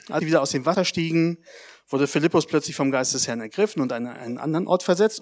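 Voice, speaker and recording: A man giving a baptism sermon, telling stories lively and putting questions to the congregation. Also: fairly high pitch. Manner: addresses the congregation directly, asks questions; lively storytelling, with pauses and hesitations. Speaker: pastor.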